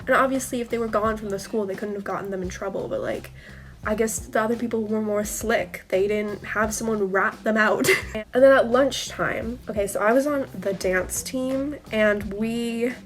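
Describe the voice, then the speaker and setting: A woman's voice: mid-range voice, normal speed. A young woman vlogger telling a casual storytime, chatty and full of fillers. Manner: chatty, many fillers, laughs while telling.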